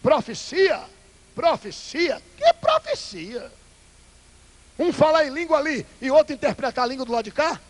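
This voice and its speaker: A male Pentecostal pastor, preaching a fiery, theatrical sermon that swings between loud bursts and hushed asides. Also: very high-pitched, fast talker, hardly any pauses, low-quality recording. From Brazil.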